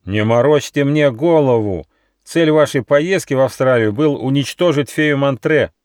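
Dude doing a sneaky old grey fox boss, fake-sweet and sneering, pitched way up, dry mic. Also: male voice, animated, moderate pace, no echo, natural voice. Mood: sneering, stern. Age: older. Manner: mock-sweet, theatrical, sneering. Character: sly old grey male fox inquisitor, fawning and menacing.

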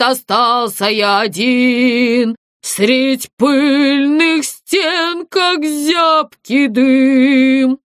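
A woman's voice: sits high, clear, resonant tone, no echo, studio quality. A woman voicing a melancholy fake ghost villain in a puppet play, drawing out each word in a theatrical wail. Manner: slow, drawn-out theatrical wailing.

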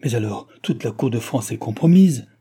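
A man's voice: lowish voice, moderate pace, warm tone, slightly rough. A man reading an outraged noble duchess. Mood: indignant. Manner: outraged, pleading. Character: proud, indignant noble duchess.

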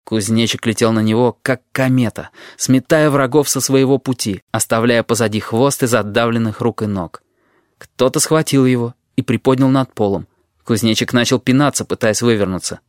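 A man narrating an audiobook with an expressive, lively reading in a medium-pitched voice. The sound is dry and close, with no room echo behind it. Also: normal speed. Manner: expressive reading, acts out dialogue.

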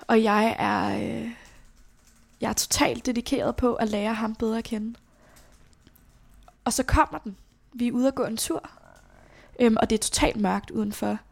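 Young woman, interview guest; slightly high voice, gravelly fry, rambling and unguarded. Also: steady tone, darkish tone. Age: young adult. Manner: casual, halting, many fillers and casual swearing. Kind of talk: personal storytelling interview.

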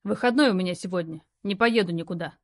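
A woman voicing a gruff, burly male courier who talks curtly and in rough slang. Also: on the low side, fast talker, no echo, clean studio sound, natural voice.

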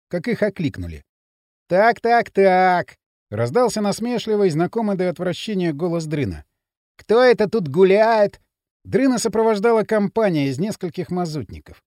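Animated high-voiced male audiobook narrator. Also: no echo, clean studio sound. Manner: expressive, animated reading. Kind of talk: scripted narration.

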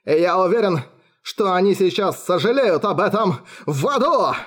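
A man's voice: sits high, big pitch swings, moderate pace, pitched above the performer's own voice. A man voicing an unhinged, mocking young man in an audiobook, his lines sneering and maniacal. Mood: gloating. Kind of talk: audiobook character voice.

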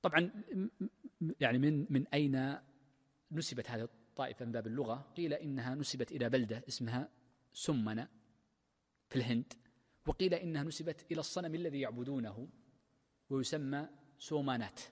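A man, a sheikh, giving a classical lecture on a text of legal theory, explaining step by step with drawn-out fillers. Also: mid-range voice, a little mellow. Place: large mosque hall. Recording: long mosque-hall reverb.

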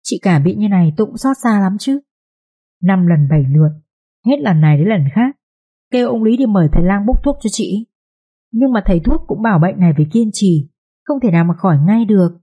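A woman's voice: mid-range voice, expressive, brisk, warm tone, husky. A woman voicing a scheming second wife who speaks in a falsely sweet, coaxing voice in an audio story. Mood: feigned sweetness.

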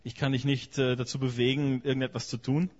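A husky man of middle pitch interprets a sermon line by line, stumbling over fillers and restarting his sentences. The sound is muffled and lo-fi, like a church sound system recording. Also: flat delivery, brisk. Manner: hesitant, frequent fillers and self-corrections.

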